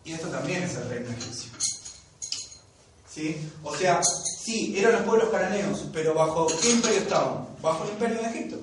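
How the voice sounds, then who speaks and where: A man's voice: a little high, animated, fairly quick, reverberant, recorded from a distance, background noise. A man with a Rioplatense accent teaching a Bible lesson in a classroom, talking conversationally and often checking in with "¿sí?" and "¿no?". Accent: Rioplatense Spanish. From Argentina.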